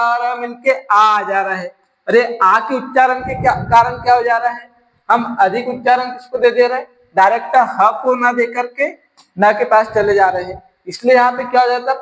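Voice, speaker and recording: A man with a fairly high voice and a Rajasthani accent, teaching an exam-prep grammar lesson. He works through each item step by step, putting a question to the class and then answering it himself. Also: fairly even intonation, normal speed, fairly bright tone, low-quality recording. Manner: explains step by step, asks and answers his own questions.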